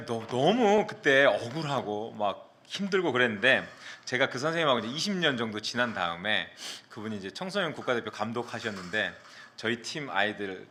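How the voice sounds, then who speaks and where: A male pastor from the Mokpo area of South Korea, preaching a sermon and telling a personal story in an animated way that acts out the quotes. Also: on the low side.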